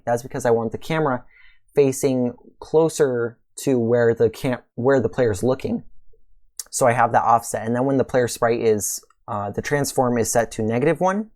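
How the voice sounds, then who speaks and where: Guy doing a chill coding tutorial at his computer, mid-pitch voice, kinda losing his voice, just talking through it casual. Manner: casual, relaxed walkthrough with fillers and pleased exclamations. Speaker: tutorial host. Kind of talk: screen-recorded coding tutorial.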